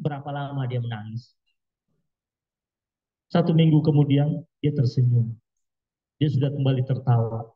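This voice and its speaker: A man's voice: a little high, slightly rough, dull audio. A man giving an Islamic sermon at a study gathering, emphatic, full of rhetorical questions and dramatic quoted outbursts. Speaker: preacher.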